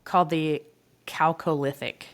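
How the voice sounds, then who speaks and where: A woman's voice: deep voice, steady tone, unhurried. A woman co-hosting a history podcast, explaining in a loose, chatty way with fillers and frequent laughs. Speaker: podcast co-host. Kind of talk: casual history podcast chat. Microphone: headphones and remote recording setup.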